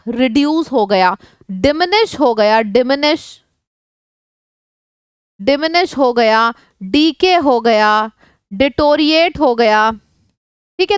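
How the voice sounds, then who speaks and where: Indian woman, high pitched, vocabulary tutor for exam prep, mixes Hindi and English, dry close recording. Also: smooth, dry recording. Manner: lively, asks the class questions and repeats synonyms in lists; switches between Hindi and English. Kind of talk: online class explaining English words in Hindi.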